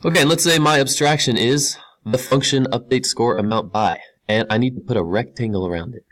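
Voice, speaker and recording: A computer science teacher with a medium-pitched voice talks briskly and casually through each step of a screen-recorded tutorial. He repeats key words for emphasis.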